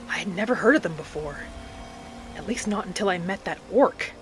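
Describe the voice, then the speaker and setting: This woman's fairly low voice is animated and fairly quick as she muses aloud in a dramatic fashion. She narrates in character over a game, with music faintly audible.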